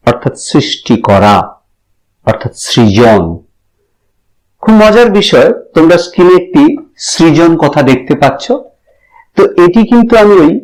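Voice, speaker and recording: A man's voice: medium pitch, poor audio. A man with a Bengali accent, teaching a poem to students and explaining each line with rising emphasis. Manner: recites the poem slowly, then explains with lively rising emphasis.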